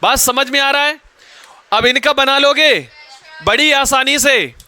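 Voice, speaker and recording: A man teaching a classroom grammar lesson, firing questions at the students and pushing them to answer loudly. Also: very high-pitched, unhurried, faint music behind.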